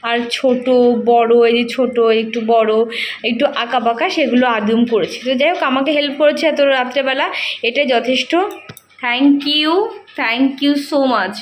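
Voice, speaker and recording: A woman, chatting and mothering her kids in a casual home vlog from her kitchen at night. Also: sits high. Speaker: family vlogger. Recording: echoey room, faint noise.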